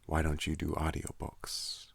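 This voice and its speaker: Here a young ASMR host speaks close to a studio mic in a slow, calm, soft-spoken way, drifting partly into whispering. He has a gentle yet deep, gravelly voice, captured in a dry recording.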